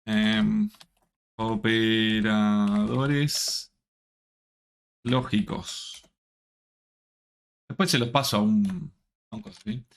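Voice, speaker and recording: Teaching programming live online, this man goes slowly, pausing at nearly every step to check with his students. His mid-range voice swings widely in pitch and sounds gravelly and slightly rough.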